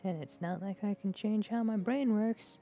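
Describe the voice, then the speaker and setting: A woman vlogs casually while playing a game, her mid-range voice dark in tone and at a normal pace, with faint music behind her. She rambles hesitantly, restarting often and leaning on filler words, candid and self-deprecating. The dull lo-fi mic picks up faint noise.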